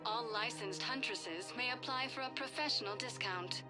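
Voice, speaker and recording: A woman voicing a polished female store announcer, reading shop advertisement announcements in a smooth, upbeat sales-pitch manner. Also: moderate pace, lightly acted. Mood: promotional. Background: game music.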